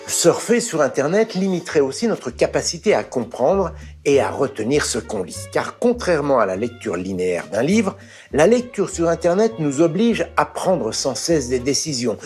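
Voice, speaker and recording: A man's voice: on the high side, sing-song, normal speed, a little mellow, faint music behind. A man reading a scripted explanatory voice-over.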